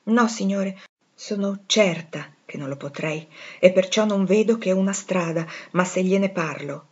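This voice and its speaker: A firm, principled young governess, read by a woman in an audiobook, restrained and earnest. Her voice sits mid-pitch, unaltered. The recording is dull and lo-fi. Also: unhurried, slightly rough. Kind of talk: audiobook reading.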